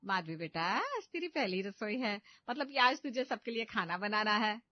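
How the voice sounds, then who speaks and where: A woman voicing an exasperated middle-aged mother-in-law who scolds loudly in a cartoon story. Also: medium pitch, big pitch swings, moderate pace, dry recording, muffled recording, natural voice. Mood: weary.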